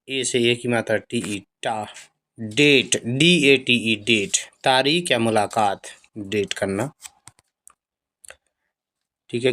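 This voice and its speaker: In a fairly bright, mid-pitched voice, a male English teacher with a Hindi accent gives a phonics lesson at a very slow pace. He patiently spells every word letter by letter and repeats it with its meaning.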